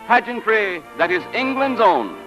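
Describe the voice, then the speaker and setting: High-voiced man in old newsreel narration. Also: big pitch swings, measured pace, low-quality recording. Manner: grand, declamatory. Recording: old newsreel soundtrack with loud music.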